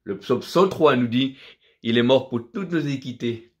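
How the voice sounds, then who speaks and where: A man's voice: mid-range voice, moderate pace, darkish tone. A middle-aged man, from Vietnam, preaching a fervent sermon full of repetition and alleluias.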